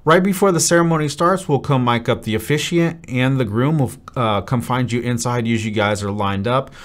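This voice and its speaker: A man's voice: medium pitch, brisk. A man in his thirties, a wedding DJ, talking through a venue's event plan to camera in an upbeat, practical way. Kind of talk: venue overview talk to camera. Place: dim studio set with brick wall.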